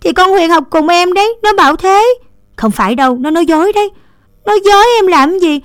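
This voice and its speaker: A woman's voice: expressive, a little fast, dry recording, studio quality. A woman voicing a stubborn, pouting little girl in a story. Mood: insistent. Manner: pouting, high-pitched and loud.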